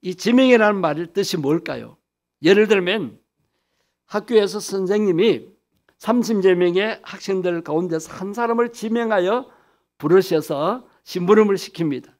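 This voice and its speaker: A man's voice: sits high, a little mellow. A man pastor preaching a sermon, asking the congregation questions and answering them himself, stretching key phrases for emphasis.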